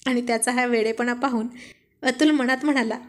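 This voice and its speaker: High-voiced woman narrating a story. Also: steady tone, brisk. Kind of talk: read-aloud story narration.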